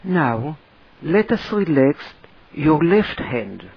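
A man narrating a guided relaxation, giving slow, deliberate instructions in short phrases with a husky voice. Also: on the high side, big pitch swings, lo-fi sound.

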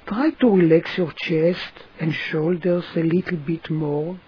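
A person guiding a relaxation session in a soothing manner, giving gentle instructions with long pauses. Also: mid-range voice, fairly even intonation, slightly rough, muffled recording. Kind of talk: guided relaxation narration.

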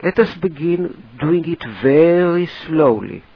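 A man narrating a guided relaxation, giving slow, deliberate instructions in short phrases with a husky voice. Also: on the high side, animated, no echo, lo-fi sound.

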